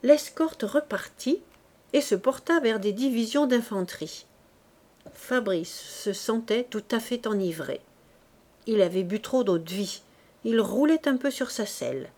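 A woman's voice: a little high, animated, a little slow, darkish tone. Woman narrating an audiobook. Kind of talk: scripted narration of a classic novel.

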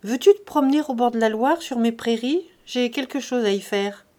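A stingy old miser barks curt orders, as a woman reads him aloud in an audiobook. His tone stays gruff and dismissive, pitched fairly high and pushed louder than the narration. It is a plain, lightly acted storybook voice. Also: expressive, moderate pace, close to an everyday voice. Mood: stern.

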